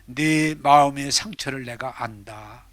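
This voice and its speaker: A pastor voicing God, low and hushed. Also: male voice, slow pace, dry recording, lightly acted. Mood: tender. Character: God, gentle loving father speaking softly.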